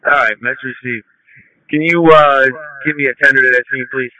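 A man speaking as a fire battalion chief over two-way radio, brisk and commanding in urgent firefighter traffic. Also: mid-range voice, fairly even intonation, sharp tone, no room sound, rough recording. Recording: close dry two-way radio transmission.

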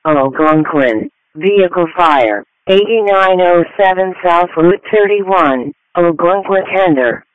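Man, high voice, slow segmented dispatch call, phone-like radio sound. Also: expressive. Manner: measured, address read in short segments. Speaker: fire dispatcher. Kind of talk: formulaic dispatch announcement. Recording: narrow phone-like radio audio.

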